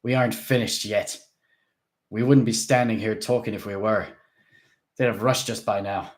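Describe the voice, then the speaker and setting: A proud vampire prince speaks with blunt, forceful defiance, voiced by a male reader. His voice sits a little above the reader's own and pushes out loud and unafraid. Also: on the low side, steady tone, normal speed, close to an everyday voice. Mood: defiant.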